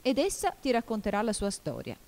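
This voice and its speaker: A woman voicing a furious, imperious queen who shouts her commands. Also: medium pitch, huge pitch swings, brisk, voice pushed up.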